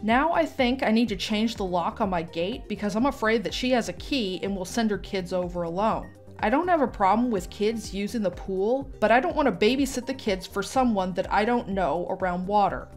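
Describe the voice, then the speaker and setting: A woman's voice: mid-range voice, lively intonation, normal speed, hardly any pauses, faint music behind. Wry woman narrating stories. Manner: wry, dramatic storytelling. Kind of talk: scripted story narration.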